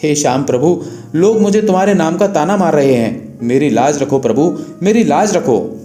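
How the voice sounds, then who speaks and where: Man doing a high, wailing young mother, pleading, lively swooping pitch, roomy echo, soft guitar behind. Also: moderate pace. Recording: echoey room with faint guitar music.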